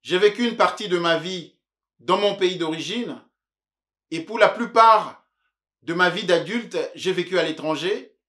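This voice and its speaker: A middle-aged man, hosting his own show as a leadership coach in an earnest, measured monologue. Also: high-pitched, fairly bright tone. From Democratic Republic of the Congo. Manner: measured, preacher-like rhetorical cadence.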